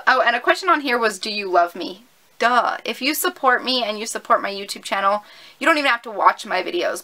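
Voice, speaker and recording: A woman's voice: mid-range voice, bright, forceful tone, low-quality recording. A woman of twenty-one, chatty and upbeat, answering viewer questions in a casual vlog filmed at home on a camera mic. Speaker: YouTuber.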